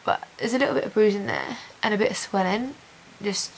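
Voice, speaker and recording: A woman's voice: medium pitch, sing-song, a little fast, vocal fry. Woman chatting casually over faint hiss. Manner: chatty, repeats intensifiers, positive and reassured. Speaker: patient giving a video diary update. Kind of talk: casual chat to camera. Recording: hissy home recording.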